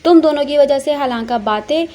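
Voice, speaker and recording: A woman voicing a spoiled, hot-tempered rich young woman who talks in a loud, whiny, demanding way. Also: high voice, steady tone, normal speed, lightly acted. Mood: furious.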